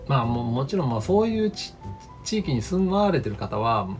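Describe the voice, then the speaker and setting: A man's voice: medium pitch, big pitch swings, a little fast, faint music behind. A man in his fifties chatting casually and at length as host, rambling and often laughing at himself. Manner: rambling, laughs often, self-deprecating asides. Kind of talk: casual solo chat.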